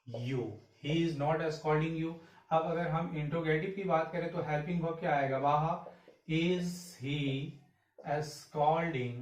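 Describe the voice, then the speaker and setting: Man, English grammar teacher, explains in Hindi, slightly high voice, echoey room, mic a bit far. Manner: repeats rhetorical questions, dictates example sentences slowly word by word. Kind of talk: Hindi-language grammar lesson.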